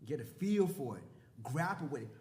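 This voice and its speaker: A man's voice: mid-range voice, animated, normal speed, a little mellow. A man speaking on a panel at a law school event, impassioned and repetitive, swearing casually. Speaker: panelist, jailhouse lawyer. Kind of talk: panel discussion. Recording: echoey room.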